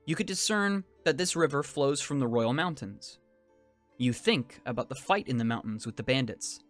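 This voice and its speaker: A man narrating a tabletop fantasy game as game master, in measured, descriptive second-person storytelling. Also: medium pitch, lively intonation. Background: faint music.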